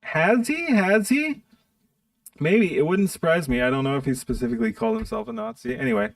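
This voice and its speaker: A man's voice: high voice, sing-song, a little fast, vocal fry, dry recording, distant mic. A man streaming live, ranting bluntly and profanely in an exasperated tone. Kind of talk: live-stream commentary rant.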